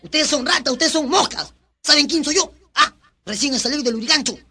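A man's voice: very high-pitched, big pitch swings, fast talker, slightly rough, pitched above the performer's own voice, exaggerated voice. A man putting on a menacing hulking ex-con teacher. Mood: threatening. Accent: Peruvian Spanish. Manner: barking, menacing, loud. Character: hulking tough ex-convict man turned schoolteacher.

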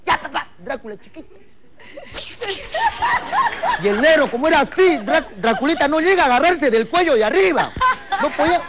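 A man telling jokes casually, animated and laughing into his punchlines, on a noisy recording. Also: extremely high pitch, normal speed, pauses often. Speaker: joke teller.

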